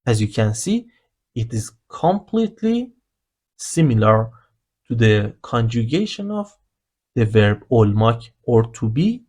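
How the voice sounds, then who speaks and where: A man's voice: medium pitch, big pitch swings, takes it slowly, darkish tone, slightly rough. A man teaching beginner grammar, explaining the rules patiently one step at a time. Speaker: language teacher. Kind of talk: slow explanatory lesson narration.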